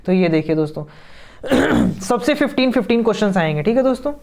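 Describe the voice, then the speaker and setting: Smooth-voiced young man giving exam advice. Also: high-pitched, sing-song, quick pace, a little mellow. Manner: chatty, advising, keeps saying 'friends' and 'right?'; mixes English words and phrases into Hindi. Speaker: exam coaching teacher. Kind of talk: online exam-prep lesson.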